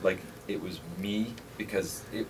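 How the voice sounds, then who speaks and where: A man's voice: sits low, a little slow. A man being interviewed as a guest actor on the radio, chatting casually and telling stories with a joking, self-mocking manner. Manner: jokey, self-mocking storyteller. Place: radio studio. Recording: distant mic with steady background noise.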